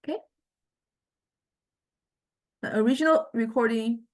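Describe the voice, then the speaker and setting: In an explanatory lecture, a woman walks through a software demo. Her voice is somewhat high, and she stumbles along, repeating words while looking for the right term.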